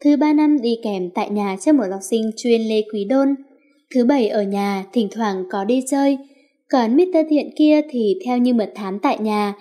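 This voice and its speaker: A woman storyteller reads a story aloud with expression. Her voice is mellow and warm, pitched slightly high. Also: normal speed. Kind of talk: story narration.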